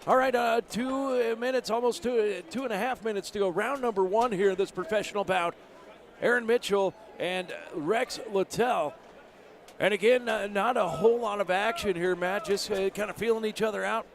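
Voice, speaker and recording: A man with a high-pitched voice calls a live MMA bout. He delivers play-by-play sports commentary as the lead host at the event. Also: normal speed. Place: live fight event venue.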